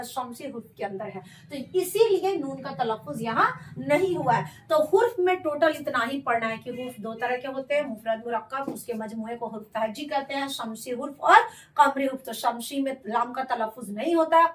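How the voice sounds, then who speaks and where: A woman's voice: high-pitched, echoey room, recorded from a distance, poor audio. A woman teaching a grammar lesson, patiently explaining and repeating terms and asking and answering her own questions. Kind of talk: classroom-style grammar lesson.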